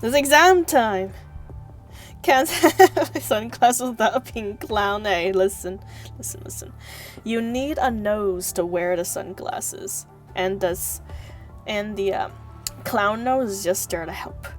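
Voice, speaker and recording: A woman's voice: mid-range voice, takes it slowly. A woman livestreaming a game in a playful, giggly manner, chatting to viewers and exclaiming in mock scolding. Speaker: live streamer. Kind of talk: chatty game livestream, thanking viewers and reading story text aloud. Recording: music playing behind the voice. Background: music.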